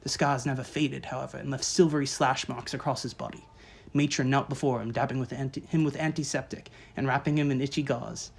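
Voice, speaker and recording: A man narrates an audiobook at an even, measured pace, reading each sentence with care. His voice sits at a middle pitch for a man. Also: vocal fry, slightly rough. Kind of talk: scripted narration.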